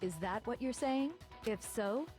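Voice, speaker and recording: A cool teenage villainess from a video game. She lectures in a smug, articulate, slightly high voice. Faint music runs behind. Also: lively intonation, a little slow. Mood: coolly condescending. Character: composed, condescending teenage girl villain lecturing her victims. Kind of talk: English video game voice acting.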